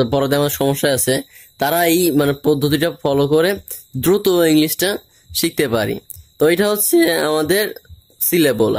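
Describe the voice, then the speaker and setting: A man teaching English grammar in a relaxed, classroom-style explanation. His voice sits a little on the high side. He goes slowly, spelling words out letter by letter and breaking them into their parts.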